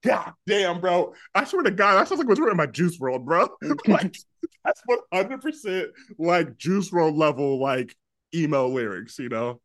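A man's voice: fairly high pitch, big pitch swings, normal speed, no room sound. A man co-hosting a casual album-review chat, laughing often and dropping his voice to quote lyrics. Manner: laughs often, filler-heavy, drops quieter to quote lyrics. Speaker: podcast co-host.

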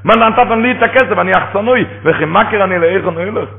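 A man's voice: high-pitched, creaky, voice pushed up. A man voicing a worried, pleading male traveler within a sermon, over a tinny radio line.

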